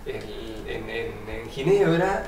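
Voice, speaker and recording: A man's voice: mid-range voice, lively intonation, slow pace, crowd noise. A man hosting a TV interview, asking conversational questions and chiming in with short encouraging remarks. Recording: roomy, distant mic, noisy.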